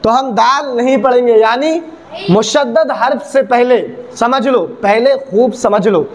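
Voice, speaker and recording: A man with a strikingly high voice teaches Quran reading in a video lesson, with faint noise behind him. He asks a question, answers it himself, then repeats the point. He slows down to spell out the letter sounds.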